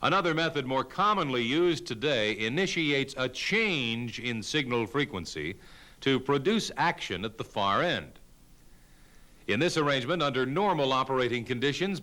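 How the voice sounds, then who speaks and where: A man narrating a scripted technical lesson as an instructor, in a measured, explanatory way with emphasis on key terms. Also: mid-range voice, pushed and bright.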